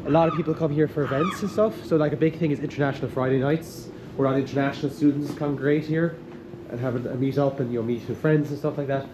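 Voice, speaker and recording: Speaking fast in a medium-pitched, fairly even voice, a young male student shows people around campus on an informal walking tour, explaining things enthusiastically and loosely. Traffic and city sounds are clearly heard on the noisy outdoor recording.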